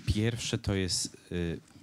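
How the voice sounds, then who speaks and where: A man moderates a book launch. He speaks hesitantly, with frequent fillers. His voice sits low. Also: drawn-out words, background noise.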